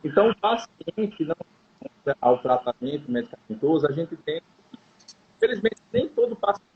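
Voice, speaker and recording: A man's voice: on the high side, very animated, normal speed, breathy edge. A doctor explaining carefully with restarts, his voice breaking up on a choppy video call that keeps cutting out. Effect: choppy video call audio that keeps cutting out. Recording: dull, distant video call audio.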